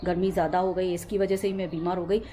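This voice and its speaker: A young woman whose first language is Sindhi, chatting at home in a rambling daily vlog, repeating herself, her voice weak and low after being unwell. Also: flat delivery, fast talker, mellow. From India. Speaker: home vlogger. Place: home, indoors.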